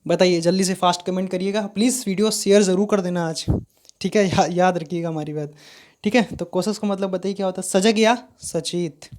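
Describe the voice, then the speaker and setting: A man's voice: high voice, fairly even intonation, brisk, a little mellow, slight background noise. A male teacher giving a live online vocabulary lesson, spelling words letter by letter and repeating his questions.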